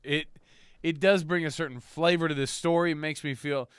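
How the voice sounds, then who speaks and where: A man's voice: a little high, steady tone, moderate pace, clean tone, no echo, clean studio sound. A man co-hosting a casual comedy talk show, sarcastic and fond of acting out quoted lines. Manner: sarcastic, acts out quotes in exaggerated voices. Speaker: podcast co-host.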